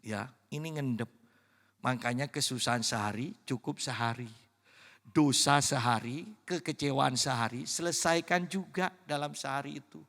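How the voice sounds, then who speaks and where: A man preaching a sermon as pastor, dropping to hushed, slow stresses and rising to loud, high exclamations. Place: church sanctuary. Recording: reverberant church hall.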